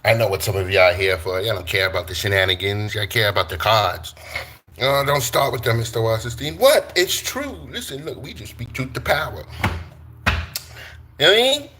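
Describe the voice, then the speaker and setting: Bright-voiced joking New man. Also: fairly low pitch, lively intonation, moderate pace, slight background noise. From Brooklyn, New York. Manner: playful, joking, greets chat and swears freely. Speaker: live-stream tarot reader. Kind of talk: live-stream chat with viewers.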